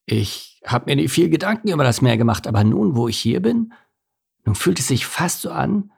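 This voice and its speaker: A calm, thoughtful male eel mutters in a low, gravelly voice, as a man reads him aloud. He speaks slowly and a little wearily. It is a storybook part with a husky grain. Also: exaggerated voice. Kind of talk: storybook reading.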